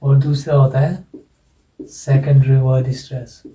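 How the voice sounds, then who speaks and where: A man teaching English phonetics in a slow classroom lecture, repeating words and checking that students follow. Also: mid-range voice, little pitch movement, mellow. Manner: explains slowly with repetition and asides. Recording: echoey room, from far off.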